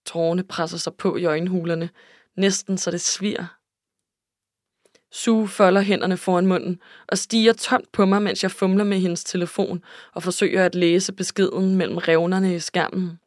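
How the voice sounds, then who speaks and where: A woman's voice: on the low side, fairly even intonation, a little mellow, no echo, clean studio sound. A woman reading a first-person novel aloud in an emotional, intimate way. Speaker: audiobook narrator. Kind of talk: scripted first-person narration.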